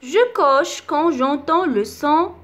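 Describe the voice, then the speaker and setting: A woman teacher giving a lesson, reading short sentences aloud and slowly repeating words with careful articulation. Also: sits high, expressive. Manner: slow, articulated dictation-like delivery, repeating words. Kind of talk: slow, careful classroom reading and explanation.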